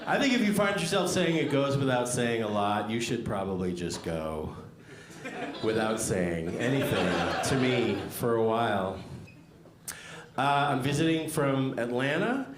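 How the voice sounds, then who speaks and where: A man does conversational, wry observational stand-up in a club, with the audience laughing. His mid-range voice is sing-song and measured in pace, and the echoey club room carries clear background noise and crowd laughter.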